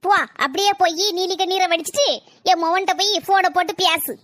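A woman's voice: extremely high pitch, steady tone, brisk, fairly bright tone, no room sound. A woman voicing a quarrelsome, grumbling old mother-in-law in a cartoon, scolding and sarcastic. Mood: bitter. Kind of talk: cartoon voice acting.

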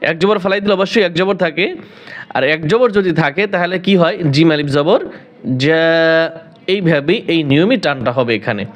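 A man teaching Quran reading, alternating quick explanations with slow, drawn-out chanted recitation. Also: fairly high pitch, expressive.

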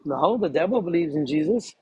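Husky, hesitant man. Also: on the high side, animated, fairly quick, dark tone, low-quality recording. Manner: hesitant, repeats himself, laughs easily. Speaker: interviewee. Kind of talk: casual conversation.

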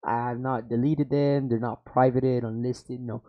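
In casual, self-deprecating talk laced with swearing, a young man reacts to his past gaming videos from a small room at home. His headset mic picks up a medium-pitched, fairly even voice at an unhurried pace, and the audio sounds dull.

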